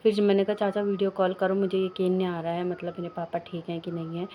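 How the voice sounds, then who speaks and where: A woman's voice: fairly low pitch, monotone, fast talker, highs cut off. A young woman vlogger talking casually to camera, rambling with many fillers and restarts as she retells a family story. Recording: faint background noise.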